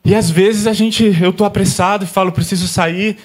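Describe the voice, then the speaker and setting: A man in his thirties preaching as a pastor, telling lively stories about his young daughters and acting out their conversations. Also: high voice, brisk. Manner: lively storyteller, acts out family scenes. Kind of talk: sermon with personal anecdotes.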